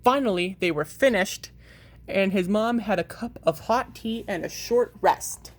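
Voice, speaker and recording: A woman reading a children's picture book aloud in a lively storybook voice, with a few slips and restarts. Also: mid-range voice, a little slow. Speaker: reader.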